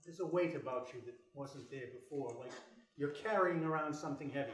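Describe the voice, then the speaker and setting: A man's voice: on the high side, brisk, fairly bright tone, far from the mic, lightly acted. A man playing a middle-aged, bookish father in an audio drama, wry and loving but volatile, with articulate speech. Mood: measured, probing. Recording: echoey room, off mic.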